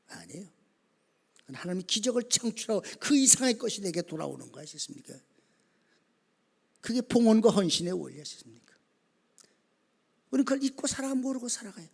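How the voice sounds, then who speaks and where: A man preaches a sermon in a church sanctuary, his voice sitting very high for a man. He drops to quiet, close talk and then rises into shouted calls, often turning to the congregation with questions. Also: gravelly, husky. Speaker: pastor.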